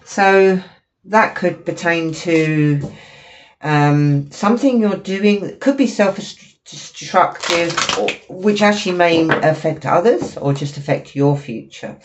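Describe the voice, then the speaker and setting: Sniffly woman giving a casual tarot reading. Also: lowish voice. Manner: chatty and apologetic, often pausing with fillers. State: has a cold, sniffling. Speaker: tarot reader. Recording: dull lo-fi recording with faint noise.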